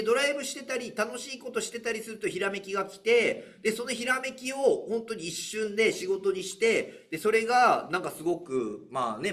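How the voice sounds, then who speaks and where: A man's voice: high voice, a bit bright. A man giving a live lecture to an audience, in a playful, joking way and laughing often.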